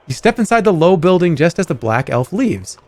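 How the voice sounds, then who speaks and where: Male game streamer: slightly high voice, lively theatrical reading of adventure narration. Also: normal speed, a little hiss or hum. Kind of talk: reading game narration aloud, playful livestream.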